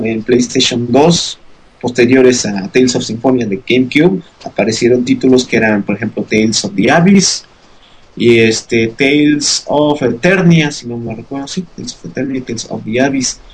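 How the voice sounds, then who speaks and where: A man's voice: medium pitch, animated, moderate pace, slightly rough, poor audio. A man co-hosting a podcast, explaining game news in a rambling casual way with many fillers. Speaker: podcast co-host. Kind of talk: casual news segment chat.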